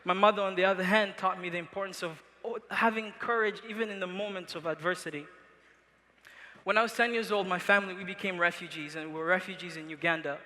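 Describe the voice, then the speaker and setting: A man's voice: high voice, steady tone, quick pace, pushed and bright. A young man from Congo giving an earnest motivational speech to a large live audience. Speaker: event speaker. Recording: reverberant large arena.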